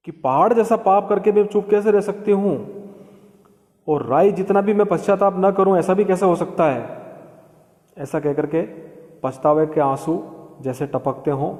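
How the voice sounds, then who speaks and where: A man with a fairly high yet mellow voice explains a poem line by line, patiently restating each verse in simple words. His teaching is recorded with a long reverb trailing off every phrase. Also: measured pace, long pauses. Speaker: literature lecturer.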